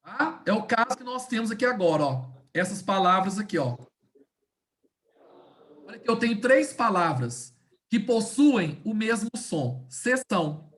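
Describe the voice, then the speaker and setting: A woman teacher giving a class over a video call. She explains step by step, slows down to stress key words, and keeps checking that her students are following. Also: mid-range voice, very animated. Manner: didactic, checks in often with "tá?" and "né?". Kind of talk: online class lecture.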